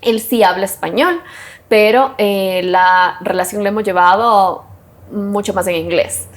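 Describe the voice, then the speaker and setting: A young woman with an Ecuadorian Spanish accent appears as a guest sommelier in a casual podcast interview. She tells warm, lively stories at a measured pace, animatedly acting out what people said and laughing often. Her pitch sits in the middle range.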